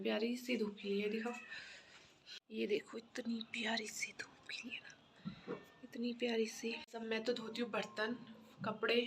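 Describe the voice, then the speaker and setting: A woman's voice: on the high side, slight background noise. Chatty young woman vlogging her day. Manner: chatty, running commentary on her chores; addresses viewers as guys. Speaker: home vlogger and mother. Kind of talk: casual vlog chat.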